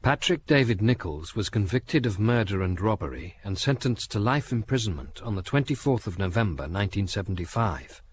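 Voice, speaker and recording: A man's voice: lowish voice, expressive, fairly quick, hardly any pauses, a little hiss or hum. A man reading a formal, matter-of-fact narration of case facts.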